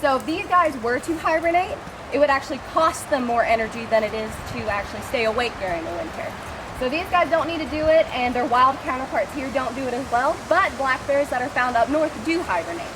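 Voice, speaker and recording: A woman's voice: high-pitched, lively intonation, fairly quick. A cheery, enthusiastic woman working as a zookeeper, explaining things casually to visitors. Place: outdoors at an animal habitat. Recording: clear outdoor ambient noise.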